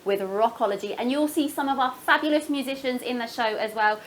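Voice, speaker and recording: A woman's voice: fairly high pitch, fairly quick. A woman chatting as an upbeat cruise director style co-host, playful, teasing and enthusiastic. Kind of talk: casual chatty live presenting. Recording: clear background noise.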